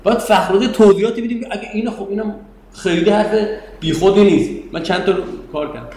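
A man's voice: sits high, darkish tone. A middle-aged man giving a university lecture in a conversational, digressive way, turning to his students with questions. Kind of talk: classroom lecture. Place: classroom. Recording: echoey room, faint background ambience.

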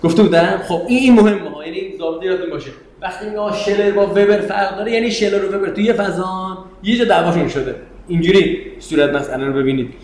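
A man's voice: high-pitched, darkish tone. A middle-aged man giving a university lecture in a conversational, digressive way, turning to his students with questions. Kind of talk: classroom lecture. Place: classroom. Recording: echoey room, faint background ambience.

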